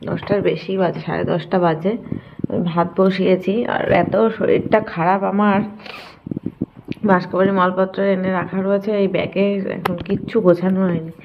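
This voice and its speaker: A woman's voice: lowish voice, little pitch movement, normal speed, muffled recording, noisy background. A woman with a West Bengal Bengali accent, talking casually to her vlog viewers while she has a cold, with a stuffy nose and a heavy throat. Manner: rambling and chatty, often trailing into tired, quiet speech. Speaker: homemaker vlogger.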